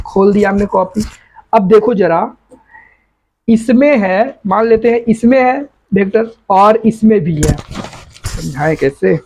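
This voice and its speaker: A man's voice: high voice, dark tone. A man teaching a physics lecture for exam prep, explaining step by step with everyday examples and often checking that students follow. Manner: uses plain everyday examples.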